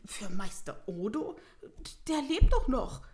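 A woman doing a bulky bearded mayor from a fantasy story, formal and a bit pompous, uneasy but insistent, lifted in pitch above her plain reading voice. Storybook character read aloud, never fully out of her own voice. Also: expressive, measured pace, a little mellow. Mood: indignant. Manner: formal, pleading, huffy. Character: burly bearded male village mayor, stiff and uneasy.

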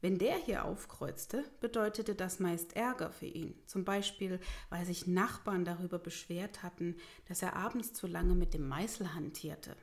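A woman narrating a fantasy story from a script, her delivery soft and at times close to a whisper. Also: lowish voice, unhurried, hardly any pauses.

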